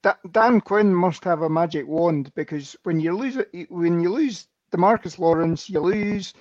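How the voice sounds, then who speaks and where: Higher-voiced man, dull dry mic. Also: darkish tone, dry recording. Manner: fast, detailed run-through of players and plays. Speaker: podcast co-host. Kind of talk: casual fan podcast analysis.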